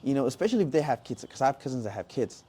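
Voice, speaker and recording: A man's voice: medium pitch, big pitch swings, very fast, dark tone, breathy edge. A man co-hosting a podcast in casual chat, rambling with lots of "bro" and "like". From Mexican-American family. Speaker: podcast co-host.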